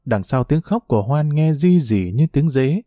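A man narrating a dramatic audiobook story with expressive storytelling. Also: fairly high pitch, moderate pace, no echo, studio quality.

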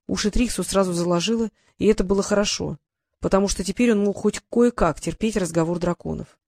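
Steady, dry storybook narrator. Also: mid-range voice, fairly quick, no echo. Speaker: audiobook narrator.

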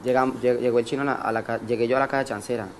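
A man's voice: mid-range voice, steady tone, very fast. A Colombian man in his early twenties being interviewed, telling a rambling street story full of slang and sound effects. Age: early 20s. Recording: noisy background.

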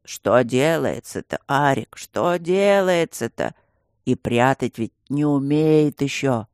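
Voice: mid-range voice, expressive, takes it slowly, clear, resonant tone, dry recording, studio quality. A reader voicing an old, peevish male stone guardian who mumbles and grumbles, in a storybook reading. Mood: fretful. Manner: lisping mumble, peevish and fussy. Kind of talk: audiobook character voice.

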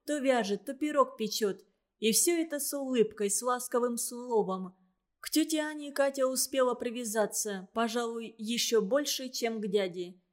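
Woman narrator, slightly high voice, even storybook reading. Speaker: audiobook narrator. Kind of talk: scripted narration of a children's story.

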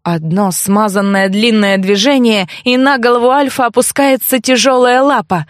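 A woman narrating a first-person novel in an even, expressive storytelling voice. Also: fairly high pitch, moderate pace, dry recording, clean studio sound. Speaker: audiobook narrator.

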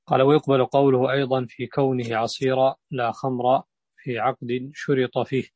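A male student reading a classical legal text aloud in a measured, formal way for his teacher. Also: mid-range voice, little pitch movement, a little mellow, dry recording.

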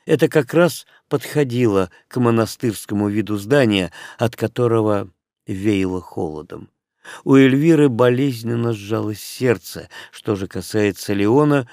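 A man reading an audiobook in a slow, measured way. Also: mid-range voice, a little mellow, no room sound, clean studio sound. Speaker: narrator. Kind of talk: audiobook narration.

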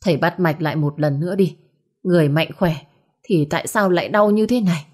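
A woman's voice: fairly low pitch, fairly quick, darkish tone, close to an everyday voice. A woman voicing a stern, commanding old patriarch in a storybook. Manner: commanding, firm.

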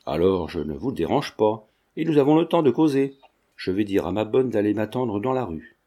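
A man's voice: expressive, normal speed, warm tone. Man voicing sly old man, feigned deafness, conspiratorial, darkish voice, storybook. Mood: scheming. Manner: lowered, conspiratorial speech.

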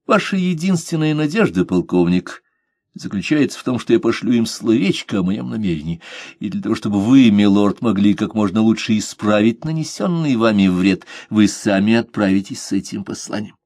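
A man's voice: on the low side, moderate pace, no echo, studio quality. A man voicing a composed, courteous pirate captain who speaks with cool irony. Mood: ironic. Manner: calm, courteous, mocking. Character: calm, ironic pirate captain, male adult.

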